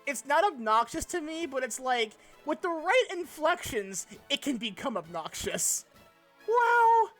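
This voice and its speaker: Woman live-streamer, casual game chat; giggly, rambling, foul-mouthed, lively up-and-down delivery. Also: sits high, moderate pace, hardly any pauses, soft background music. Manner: giggly, swears freely, rambling.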